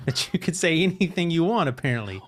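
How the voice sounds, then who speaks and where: A man's voice: fairly high pitch, sing-song, fast talker. A man hosting a podcast roundtable, joking and steering the casual chat. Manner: chatty, joking, leads the discussion.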